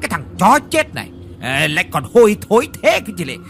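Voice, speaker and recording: A man's voice: a little high, big pitch swings, normal speed, slight background noise. A man doing a coarse stammering old master. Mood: blustering. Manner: shouting, stammering. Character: coarse old rich man, blustering and easily terrified. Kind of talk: horror story narration.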